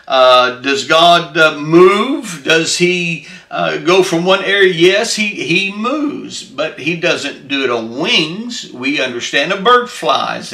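Slow bright-voiced male preacher, echoey room. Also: medium pitch, gravelly. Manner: halting delivery with frequent filler sounds and repeated phrases; emphatic declarations. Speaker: preacher teaching a Bible study. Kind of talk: Bible study sermon. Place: church.

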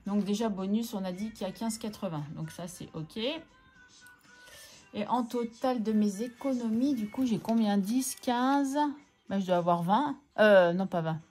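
A woman vlogging casually as she sorts her budget, chatting to herself and counting out loud. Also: mid-range voice, a little slow, soft background music. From France. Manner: talks to herself, scolds herself by name, counts aloud. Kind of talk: casual chatty talk to camera while counting money.

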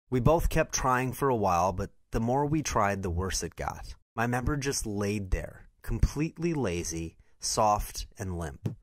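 A man's voice: fairly low pitch, no room sound, studio quality. A man reading a scripted first-person story in a confessional tone.

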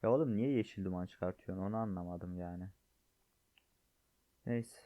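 Here a sick-sounding gaming YouTuber speaks at normal speed in a low voice, casually showing game items and treating his audience as friends. The recording is dull, lo-fi, and dry, without room sound.

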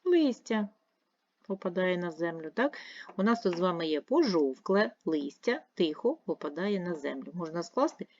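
Woman, teacher, primary school video lesson, patient explaining, lowish voice, dry close sound. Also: expressive, moderate pace, darkish tone, no room sound. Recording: dull lo-fi dry recording.

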